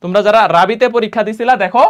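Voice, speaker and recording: A young man teaching a math lesson for exam prep, quizzing students with quick questions and mixing in English math terms. He sounds a little tired and low on energy after a run.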